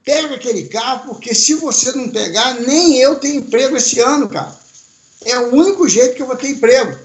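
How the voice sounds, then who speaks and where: A man's voice: very high voice, a little fast, voice pushed up. A man voicing a frantic male team boss who pleads urgently over the phone. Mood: urgent pleading. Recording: roomy echoey sound.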